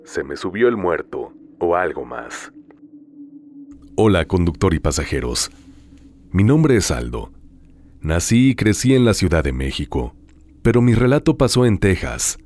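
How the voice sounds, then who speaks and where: A man hosting a show, reading listener horror stories aloud in a dramatic, hushed storytelling manner with drawn-out pauses. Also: deep voice, very animated, a little hiss or hum. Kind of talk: scripted horror narration.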